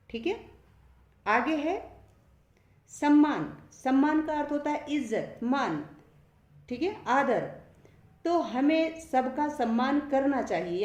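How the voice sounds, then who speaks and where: A woman's voice: high-pitched, darkish tone, roomy sound. A woman teaching a school language lesson, patiently restating each point in simpler words. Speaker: Hindi teacher.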